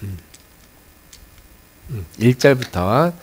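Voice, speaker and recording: A man's voice: medium pitch, animated, slow pace, husky. A man, a pastor, preaching a sermon and leading the congregation through scripture readings.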